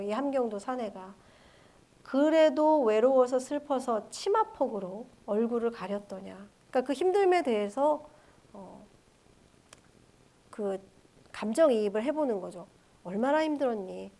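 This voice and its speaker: A woman with a somewhat high voice gives a recorded university literature lecture. She reads the poem's lines aloud, then explains them and poses rhetorical questions to the students. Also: darkish tone. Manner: explains poem line by line, asks rhetorical questions.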